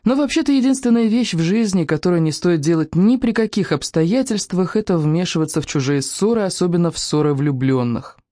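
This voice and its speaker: A woman narrating a romance novel audiobook with a lively, expressive reading. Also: on the low side, brisk, hardly any pauses, no echo, studio quality. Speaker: audiobook reader.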